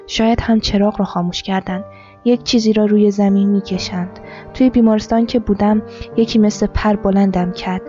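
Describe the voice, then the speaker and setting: A woman author reading her own literary story, narrating in a quiet, measured first-person voice. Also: mid-range voice, fairly even intonation. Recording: dull lo-fi with soft music.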